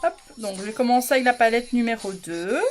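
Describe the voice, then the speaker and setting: A woman's voice: fairly high pitch, brisk, faint music behind. A woman doing a casual makeup livestream from home, chatty and self-mocking, giggling often and greeting viewers by name. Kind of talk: casual live makeup chat.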